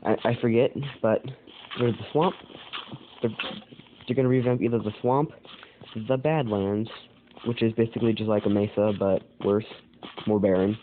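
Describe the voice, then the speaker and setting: A man's voice: lowish voice, steady tone, normal speed, pauses often. A man with an American accent, hosting his own channel, rambling through casual commentary with lots of fillers and self-corrections. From United States. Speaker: channel host. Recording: tinny phone-like sound with faint noise.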